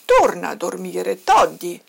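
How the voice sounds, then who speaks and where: A woman's voice: lowish voice, huge pitch swings, slow, gravelly, husky, pitched below the performer's own voice, exaggerated voice. Woman doing a sleepy mother bear. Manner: drowsy, grumbling.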